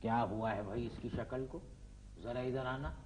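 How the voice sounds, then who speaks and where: A man's voice: medium pitch, steady tone, normal speed, darkish tone, a little hiss or hum, lightly acted. An actor playing a pompous middle-aged father and writer who talks in a flowery, theatrical way full of exclamations. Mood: admiring. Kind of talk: TV drama acting.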